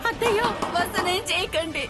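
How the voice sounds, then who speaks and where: A woman's voice: very high voice, moderate pace, over loud music. A woman playing a distraught young woman of the household, imploring and wailing in melodramatic serial style. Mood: desperate, pleading. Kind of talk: melodramatic Telugu serial acting.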